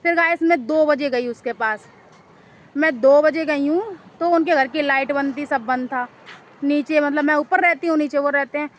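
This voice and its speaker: A woman's voice: sits high, moderate pace, dull audio. A woman vlogger casually telling a story to camera outdoors in a park, chatty and rambling, often repeating herself.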